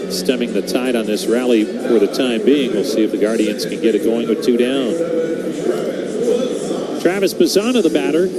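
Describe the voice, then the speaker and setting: Calling baseball live in radio style, a man alternates clipped pitch calls with conversational asides. The broadcast is very noisy, with a constant hum underneath.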